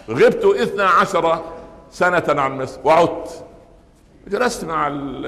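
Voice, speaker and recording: An older man preaching with an Egyptian Arabic accent, animated and joking, often asking the audience questions and answering them himself. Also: a little high. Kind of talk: lively sermon in Egyptian Arabic. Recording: long hall reverb.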